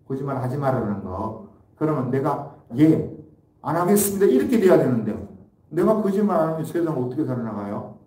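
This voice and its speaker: A man's voice: medium pitch, sing-song, a little fast, dark tone. Man preaching, echoey and distant. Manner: asks the congregation questions and reads scripture aloud with them. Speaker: pastor. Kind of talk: sermon. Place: church sanctuary.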